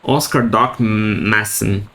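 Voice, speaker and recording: A man's voice: lowish voice, steady tone, slow, a bit bright, poor audio. A man streaming a video game, chatting casually and reading in-game notes aloud, stumbling over words. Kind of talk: casual let's-play commentary.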